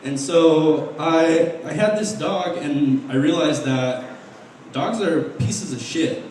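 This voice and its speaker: A man's voice: a little high, a little hiss or hum. Young man doing stand-up in an echoey room. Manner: deadpan, halting with restarts and fillers. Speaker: stand-up comedian. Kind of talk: open mic stand-up set. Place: open mic venue. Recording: very echoey room heard from a distance.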